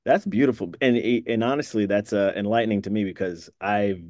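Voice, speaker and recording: A man hosting an interview, affirming his guest warmly and asking questions that wander a little. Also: on the low side, brisk, dry recording, studio quality. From New York. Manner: affirming, encouraging, rambling questions. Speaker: interview host. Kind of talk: casual interview.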